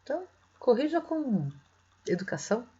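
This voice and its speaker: A woman's voice: on the high side, very animated, normal speed, husky. Chatty Brazilian woman teaching grammar. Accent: Brazilian Portuguese. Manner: chatty, ends phrases with "tá?" and "né?"; gentle, encouraging. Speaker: Portuguese teacher. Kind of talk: online grammar lesson. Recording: slightly dull lo-fi sound.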